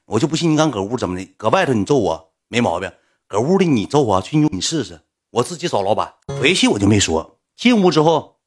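Fast-talking storyteller man. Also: medium pitch. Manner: animated, slangy, swings into loud quoted retorts. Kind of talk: casual storytelling.

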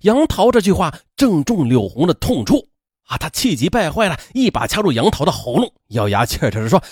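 A man narrating a true-crime story dramatically, in a colloquial manner with drawn-out particles. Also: husky, no echo, clean studio sound. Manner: animated, acts out women's lines in a high strained voice.

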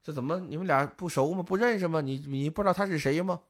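A man, co-hosting a podcast and telling a folk tale in lively, casual speech, putting on the voices of the villagers. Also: fairly high pitch, fast talker. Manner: lively storyteller, acts out village voices, northern colloquial. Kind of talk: casual storytelling chat.

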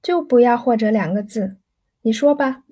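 A woman's voice: fairly high pitch, moderate pace, dark tone, husky. A woman voicing a shy young woman being courted, coy and teasing as she dodges a proposal. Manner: coy, laughing off the question.

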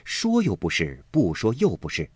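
A man reads an old classic aloud in a low, husky voice. His pitch swings widely as he dramatizes each scene. The sound is dry and close. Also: moderate pace, no echo. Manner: expressive, dramatic reading. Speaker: narrator. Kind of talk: storytelling reading of a classic novel.

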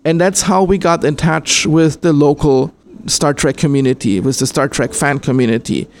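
Austria-born man, slightly higher voice, thoughtful interviewee who hesitates a lot. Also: moderate pace. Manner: hesitant, many ums and restarts. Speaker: interviewee, fan filmmaker. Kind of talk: casual interview answers.

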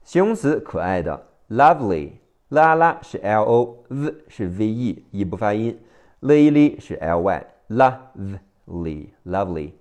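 A man with a Mandarin Chinese accent teaching English vocabulary by phonics, spelling each word letter by letter and repeating it slowly. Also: fairly low pitch, sing-song, darkish tone.

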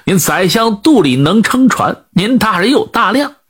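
A man's voice: high voice, big pitch swings, moderate pace, fairly bright tone, breathy edge, exaggerated voice. A man voicing a humble old fisherman father who speaks in a deferential, pleading way.

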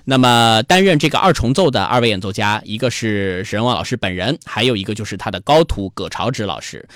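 Male livestream host, lively pitch, dry close sound, chatty explainer with frequent restarts. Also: fairly quick, no room sound. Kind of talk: live-streamed music talk show.

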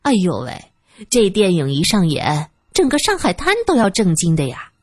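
A woman voicing a worldly, gossipy lady who teases and chatters on a film set, with a husky voice. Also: on the low side, sing-song, moderate pace, no room sound, studio quality. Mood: teasing. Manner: teasing, chatty.

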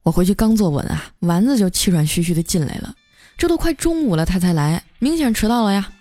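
A woman's voice: mid-range voice, lively intonation, fast talker, dark tone, no room sound, soft background music. Playful woman telling a comic story. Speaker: storytelling host. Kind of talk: comic bedtime story narration.

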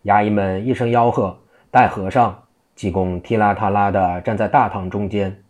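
A man narrating a traditional tale in a lively, vivid storytelling style, doing all the voices. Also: lowish voice, moderate pace, highs cut off.

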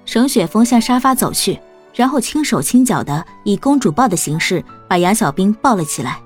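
A woman narrating a storybook in a calm, even reading voice. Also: medium pitch, fairly quick, breathy edge, soft background music. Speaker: audiobook narrator.

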